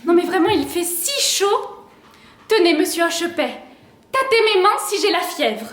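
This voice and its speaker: A woman playing a capricious young wife, teasing and petulant, in a high voice. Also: animated, normal speed, echoey room.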